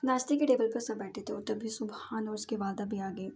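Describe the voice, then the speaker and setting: A woman narrating a romance audio novel in steady storytelling style. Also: mid-range voice, brisk, breathy edge.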